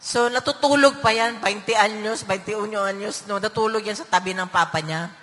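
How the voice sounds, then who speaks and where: A middle-aged woman on the verge of tears tells a personal story in a halting, broken way. Her voice is bright and forceful, carried through stage speakers with a long echo trailing behind it. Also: mid-range voice. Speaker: rally speaker. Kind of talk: emotional speech at a political rally. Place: outdoor rally stage.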